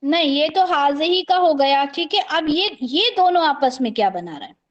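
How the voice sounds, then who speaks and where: High-voiced woman teaching an online class. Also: lively intonation, highs cut off. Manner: patient, questioning, repeats terms slowly. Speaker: online Arabic grammar teacher. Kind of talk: online class lesson, quizzing students. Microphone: video call microphone.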